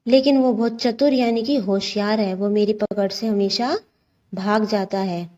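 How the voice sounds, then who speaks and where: A woman voicing a hungry, scheming male crocodile in a storybook lesson, speaking in a slow, pleading way. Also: mid-range voice, steady tone, darkish tone, dull audio, lightly acted. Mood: grumbling.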